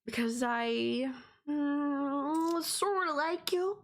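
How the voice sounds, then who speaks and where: Heavily acted and very slow, a woman's high-pitched, animated voice portrays a possessive, teasing young stalker in an audio roleplay. She addresses the listener directly and conversationally, coaxing and condescending yet affectionate.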